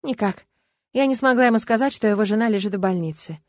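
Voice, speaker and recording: A woman reading as a calm, careful young woman. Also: fairly high pitch, dry recording, lightly acted. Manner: calm, measured questions. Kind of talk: audiobook reading.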